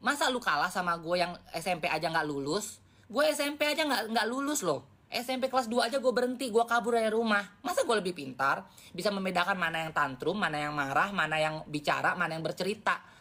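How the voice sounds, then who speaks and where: A woman's voice: on the low side, fast talker, a bit bright. A woman around forty chatting on a phone live stream, bluntly lecturing her viewers in casual slang. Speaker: livestreamer.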